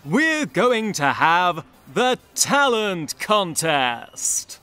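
A man voicing a loud, cheerful circus announcer in a children's cartoon, calling out in a showman's style. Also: big pitch swings, extremely slow, clear, resonant tone, soft background music, exaggerated voice. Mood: excited. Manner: booming showman calls.

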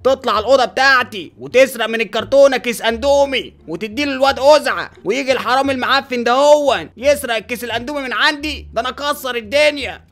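A man's voice: very high-pitched, quick pace, hardly any pauses, a bit bright. A man voicing a bossy, aging superhero father who scolds his sons and barks orders in Egyptian Arabic. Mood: scolding.

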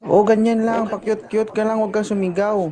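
Teasing high-voiced man streamer. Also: flat delivery, a little fast, warm tone, faint music behind. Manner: teasing, dry roasting. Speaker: live streamer. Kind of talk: casual live-stream banter. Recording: noisy live-stream audio.

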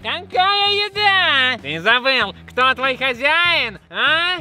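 Crazy clown boss, really high sharp voice, slow drawn-out taunts, bossy and impatient. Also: male voice, sing-song, slight background noise, full character voice. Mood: angry, commanding. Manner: commanding, taunting, drawn-out words.

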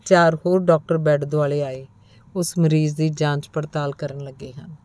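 A woman's voice: low voice, steady tone, normal speed, warm tone, dry recording. A woman narrating a short story as an audiobook, reading steadily and lifting her voice a little for the characters' dialogue.

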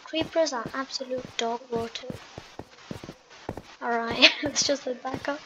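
A woman giving chatty, excitable commentary while playing a computer game, often apologizing to her viewers. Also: sits high, unhurried, very noisy. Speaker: gaming video host. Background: game music.

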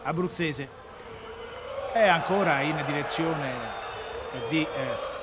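A male Italian play-by-play commentator calls a live football match. His voice sits a little high, and clear stadium noise runs behind it. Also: slow pace, over a noisy crowd. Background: stadium ambience.

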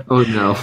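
A man's voice: fairly bright tone, low-quality recording. A man hosting a casual live stream, playful and laughing often. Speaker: host.

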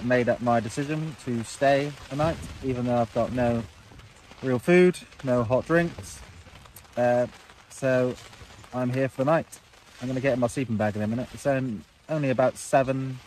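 A man's voice: medium pitch, a little mellow, a little hiss or hum. A man in his forties chatting to a close-held phone camera from inside a small tent on open moorland, rambling and upbeat with lots of ums. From England. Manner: rambling, filler-heavy, upbeat. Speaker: wild camping vlogger. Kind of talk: casual vlog talk to camera.

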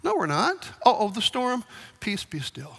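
A man acting out a calm, unbothered man just woken from sleep, speaking softly. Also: high voice, unhurried, vocal fry, slightly rough, heavily acted.

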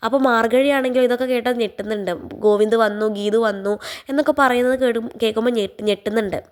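A woman narrates a TV serial episode in a casual, spoken way. She talks quickly in a fairly high voice. She keeps the plot moving with steady reporting phrases and the odd restart.

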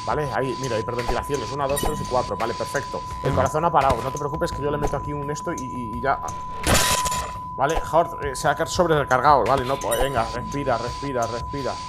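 A man doing excitable gameplay commentary, bursting into shouts and laughs between mumbled asides. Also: mid-range voice, quick pace. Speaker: gaming video host. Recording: music playing behind.

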